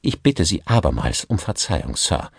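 A male narrator playing a timid ventriloquist, speaking humbly and apologetically with a gravelly low voice. Dry, close audiobook sound. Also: sing-song, moderate pace, no echo, exaggerated voice. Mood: submissive. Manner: submissive, pleading.

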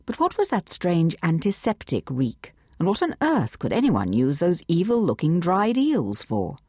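A woman narrating an audiobook in a measured, expressive storytelling manner, close to a studio mic. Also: on the low side, no echo. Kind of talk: scripted narration.

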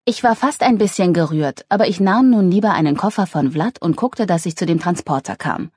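A woman narrating a humorous novel with a lively, ironic delivery. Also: a little fast, husky, dry recording, clean studio sound. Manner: lively, ironic, voices characters with raised pitch. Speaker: audiobook narrator.

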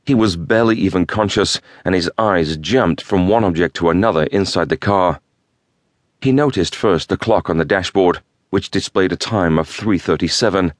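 A man narrating a thriller audiobook in a measured, steady storytelling manner. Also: deep voice, no echo, clean studio sound.

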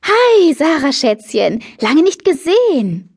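A woman's voice: on the high side, sing-song, moderate pace, slightly rough, dry recording, studio quality. A woman reading a bubbly, fashion-crazy teenage girl who plays matchmaker, chirpy and pushy in an audiobook.

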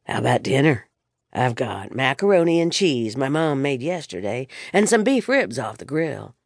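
A woman's voice: a bass voice, very animated, normal speed, gravelly, dry recording, studio quality, voice pushed down, exaggerated voice. A woman narrator voicing an embarrassed, exasperated young man talking about his mother. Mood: sheepish exasperated. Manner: sheepish, exasperated.

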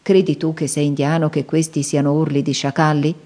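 A woman's voice: low-pitched, little pitch movement, a little fast, warm tone. A woman voicing a proud, commanding male pirate chief who barks orders.

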